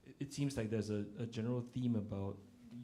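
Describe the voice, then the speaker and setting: A man moderating a panel, asking questions politely with some halting restarts. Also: fairly low pitch, dark tone, slight background noise.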